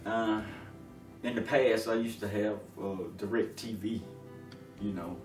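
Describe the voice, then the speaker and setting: A man's voice: lowish voice, fairly even intonation, slow, darkish tone. A middle-aged man, a long-haul truck driver, talking easygoingly in an interview with lots of fillers and restarts. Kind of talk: relaxed conversational interview. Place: living room, seated on a sofa. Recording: roomy, distant, with music underneath.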